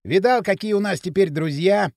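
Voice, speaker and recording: Guy doing a brash young tough, mocking and swaggering, high voice, dry sound. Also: moderate pace, creaky, a little mellow, no room sound. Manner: swaggering, jeering, loose street talk. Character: brash cocky young man, mocking and bossy.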